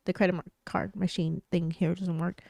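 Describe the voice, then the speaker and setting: A woman co-hosting a podcast, telling a story in casual chat, animated and swearing as she vents her exasperation. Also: fairly low pitch, moderate pace, gravelly, no room sound. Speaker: podcast co-host.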